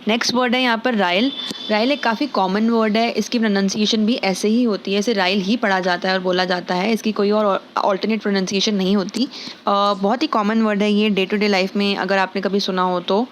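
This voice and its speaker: A woman teaching English vocabulary in Hindi, patiently explaining each word and slowly reading example sentences, with frequent fillers. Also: medium pitch, steady tone, a little hiss or hum. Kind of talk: Hindi-language vocabulary lesson.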